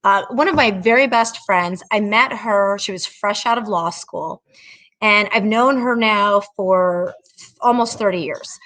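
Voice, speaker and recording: With a mid-range, fairly bright voice and a slightly slow pace, a middle-aged woman who trains dogs hosts a Q&A. She offers direct, emphatic advice in a chatty, casual way, sharing anecdotes as she goes.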